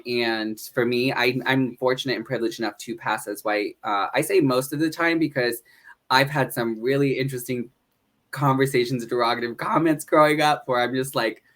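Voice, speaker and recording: A man's voice: mid-range voice, fairly bright tone. Upbeat man telling his story. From northeastern Pennsylvania. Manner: earnest and upbeat, with frequent fillers and laughs. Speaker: podcast guest, drag performer and educator. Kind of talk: casual interview conversation.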